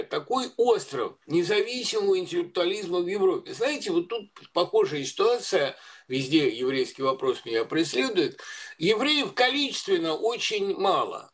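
A man's voice: high voice, a bit bright. A man giving a long, discursive spoken commentary, full of hesitations and restarts. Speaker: guest commentator. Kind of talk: conversational commentary.

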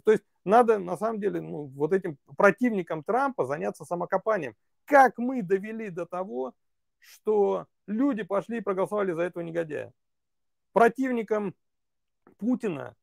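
A man's voice: sits high, lively intonation, moderate pace, creaky, darkish tone, no room sound, clean studio sound. A man working as a political consultant, answering interview questions in long, reasoned stretches with many fillers.

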